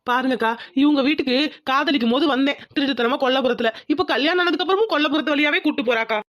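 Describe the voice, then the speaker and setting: Woman voicing a teasing young husband in a cartoon, fast and raised. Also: high voice, a bit bright. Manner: teasing, joking. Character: easygoing young husband, village man.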